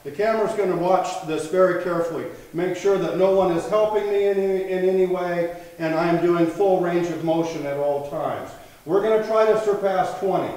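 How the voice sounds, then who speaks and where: A man's voice: high-pitched, normal speed, a little mellow. A man in his sixties, a fitness trainer earnestly explaining a workout step by step, recorded in an indoor gym. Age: 60s. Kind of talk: instructional demonstration. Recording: very echoey gym from far off.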